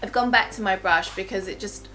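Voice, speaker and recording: Over poor audio, a woman with a medium-pitched, brisk and sharp voice chats through a casual makeup review and demo. She's a beauty vlogger talking while she applies products, and she sounds slightly nasal as she recovers from flu.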